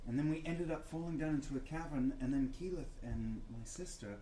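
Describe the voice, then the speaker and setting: A man's voice: on the high side, a little fast, mellow, a little hiss or hum, rough recording. A man playing a tabletop game in character, hesitant with many fillers. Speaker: player.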